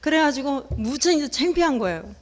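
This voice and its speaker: A middle-aged woman giving an emotional testimony in a sermon, telling her story with animated, acted-out quotes. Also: high voice, brisk.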